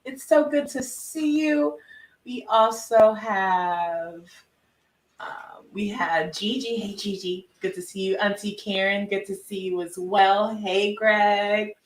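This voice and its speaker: A woman's voice: mid-range voice, slow pace. An older woman co-hosting a live stream, cheerfully greeting viewers by name and laughing often. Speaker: co-host. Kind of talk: live-stream shout-outs. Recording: echoey room, far from mic, faint noise.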